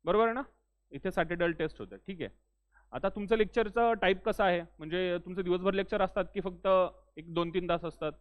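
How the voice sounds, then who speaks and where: A young man from Maharashtra gives a friendly classroom lecture in a high voice, talking a little fast. He often says "ठीक आहे" and loudly urges students to speak up. The recording is tinny, like a phone.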